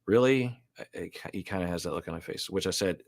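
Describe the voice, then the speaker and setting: A man's voice: low voice, level tone, quick pace, vocal fry. A man speaking as a therapist in casual reaction commentary, thoughtful and hesitant, explaining relationship patterns. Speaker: therapist co-host reacting to a reality show.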